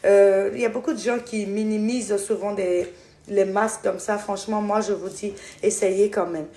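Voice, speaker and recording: A woman's voice: mid-range voice, steady tone, moderate pace, warm tone. A woman with an Ivorian French accent, chatting casually with viewers in a live Q&A. She speaks affectionately to her audience and often loses track and corrects herself. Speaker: skincare brand owner answering viewers.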